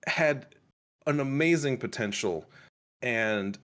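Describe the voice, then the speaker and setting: A man reviewing a movie in casual chat on a livestream, rambling with lots of restarts and sudden animated outbursts. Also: mid-range voice, takes it slowly.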